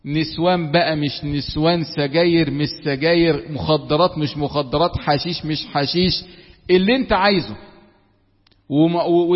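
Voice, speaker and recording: An Egyptian sheikh talks quickly in a slightly high voice, teaching Quran commentary in a chatty, conversational way. He slows right down whenever he quotes a verse. The recording sounds dull and lo-fi, and a long hall echo trails after his words. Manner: lively and conversational, drawing out quoted verses slowly. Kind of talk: religious lesson, colloquial explanation between verse quotes.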